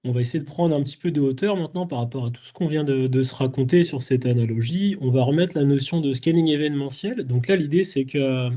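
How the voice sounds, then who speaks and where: French man giving a tech talk, mellow. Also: mid-range voice, fast talker, few pauses. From France. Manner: explanatory, many fillers and restarts, plays out imagined inner voices. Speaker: conference speaker. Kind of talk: technical conference talk.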